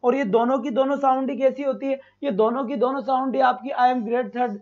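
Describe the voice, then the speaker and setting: A male teacher runs a live online exam-prep class, calling students "beta" and repeating sounds slowly. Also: very high-pitched, steady tone, darkish tone. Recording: dull lo-fi stream.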